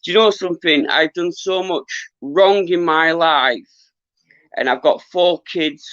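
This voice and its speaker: A middle-aged man who is losing his voice, chatting casually to viewers on a livestream in an earnest, halting, rambling way. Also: a little high, fairly bright tone, clean tone, no room sound. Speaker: livestream host, former boxer. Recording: dull lo-fi livestream audio.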